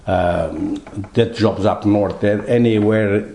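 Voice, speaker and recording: An older man from Portugal with a Portuguese accent, telling his story in an interview in halting, broken English with many repeated words. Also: lowish voice, warm tone, reverberant, a little hiss or hum, rough recording. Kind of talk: oral history interview.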